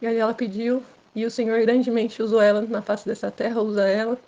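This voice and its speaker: A woman's voice: level tone, brisk, dark tone, lo-fi sound. A woman, giving an earnest, emotional personal testimony at church. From São Paulo state, Brazil. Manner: earnest, emotional, rising in pitch and force as story intensifies.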